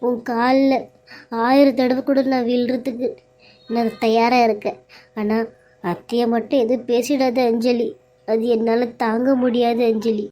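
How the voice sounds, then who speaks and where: A woman's voice: a little high, little pitch movement, unhurried, mellow, natural voice. A woman voicing a tearful young daughter-in-law in a cartoon serial, pleading and sobbing.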